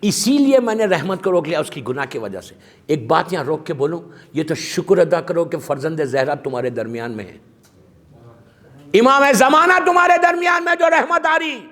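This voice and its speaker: A male preacher giving a sermon, storytelling dramatically, swinging from hushed tones to shouting. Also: extremely high pitch. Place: religious gathering hall in Madagascar. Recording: long hall reverb.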